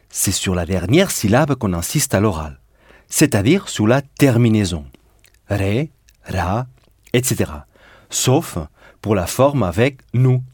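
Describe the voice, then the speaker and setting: A man's voice: fairly low pitch, a little mellow, no room sound, clean studio sound. A man teaching a recorded language lesson, patiently explaining and stressing word endings as he goes. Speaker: Spanish teacher.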